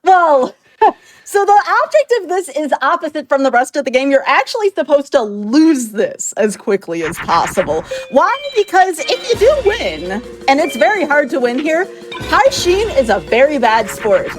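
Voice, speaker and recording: A woman's voice: high voice, very animated, moderate pace. A woman giving chatty, upbeat live commentary on her own speedrun, laughing often. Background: game music.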